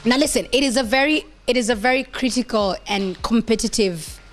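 A woman's voice: fairly high pitch, a little fast. A young Ugandan woman hosting a talk show in a salon studio, teasing and playful with her guest, holding a handheld mic. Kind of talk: casual talk-show chat. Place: hair salon studio set.

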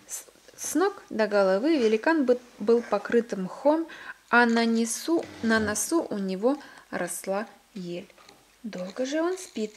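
A woman's voice: a little high, lively intonation, unhurried, a little hiss or hum. A woman reading a children's storybook aloud expressively, with occasional slips and restarts.

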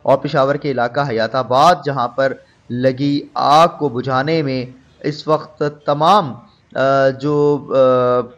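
Man, news voice-over, formal wording, frequent hesitations, slightly dull sound, faint hiss. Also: mid-range voice. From Pakistan. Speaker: news vlogger reporting.

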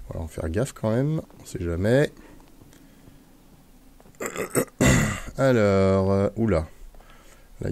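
Guy doing a chill lets play, lowish warm voice, keeps chatting to his mount, lots of euh. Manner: chatty, talks to his in-game mount, many filler hesitations. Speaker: Let's Play gamer. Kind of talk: casual game commentary.

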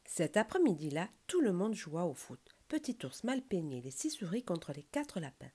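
Warm expressive woman reading a bedtime story. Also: fairly low pitch, normal speed, breathy edge.

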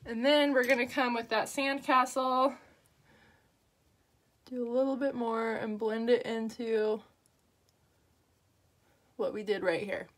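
A woman with a slightly high voice walks viewers through a makeup look in a chatty, upbeat tutorial. She talks casually as she works, with plenty of "um" and "like" fillers. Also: fairly even intonation, takes it slowly, pauses often. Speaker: makeup artist.

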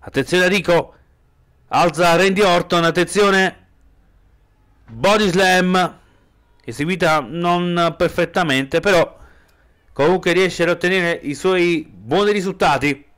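A man's voice: high voice, takes it slowly, long pauses, a bit bright, clean tone. A man doing amateur play-by-play wrestling commentary, somewhat hesitant, returning to stock phrases.

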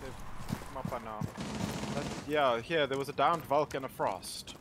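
A man's voice: mid-range voice, moderate pace. A man giving short, practical callouts to teammates in a shooter game. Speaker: gamer in voice chat. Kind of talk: casual gaming chat. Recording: voice chat over gunfire noise.

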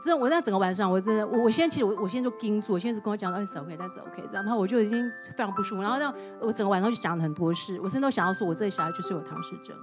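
A woman in her forties, a talk show guest, telling a personal story in a casual, animated way. She acts out quoted dialogue and drops English words into her speech. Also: mid-range voice, racing, hardly any pauses. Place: TV studio. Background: background music.

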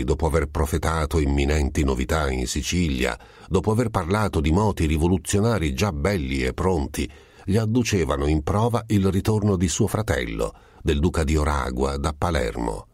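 A male audiobook narrator with a deep, low voice that moves lively up and down as he tells the story. The recording is dry and close, with no room sound. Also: moderate pace, dry recording. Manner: expressive storytelling. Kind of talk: scripted literary narration.

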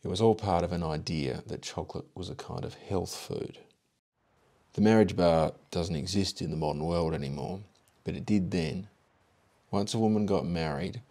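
A man, reading a scripted history narration in a measured, factual way. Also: sits low, darkish tone. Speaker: documentary narrator.

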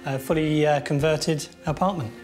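A man's voice: fairly high pitch, fairly even intonation, moderate pace, darkish tone, faint music behind. Man in his thirties, developer on a site walk; hesitant, lots of ums and restarts, echoey room. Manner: hesitant, many fillers and restarts. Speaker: housing developer. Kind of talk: on-site interview. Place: large empty old building indoors. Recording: echoey hall with faint noise.

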